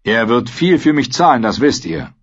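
A man's voice: medium pitch, big pitch swings, normal speed, breathy edge, lo-fi sound, pitched above the performer's own voice. A man voicing a scornful, sardonic captive knight who mocks the people around him in an audiobook. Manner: sardonic, mocking. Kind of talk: audiobook character voice.

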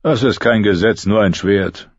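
Man doing a stubborn old guy, gruff and firm, low husky voice, slightly dull audio. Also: unhurried, no echo.

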